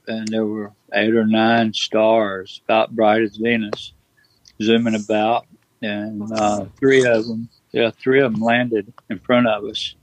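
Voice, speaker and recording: A man's voice: mid-range voice, no room sound. A man, telling a personal story in a rambling, plain-spoken way and correcting himself often. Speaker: guest recounting a personal experience. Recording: dull lo-fi sound.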